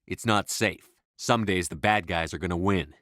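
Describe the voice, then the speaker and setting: A man playing a resolute human military commander in a space opera video game, speaking in a measured, authoritative, matter-of-fact way. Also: low voice, fairly bright tone, no echo, studio quality. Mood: grave, resolute.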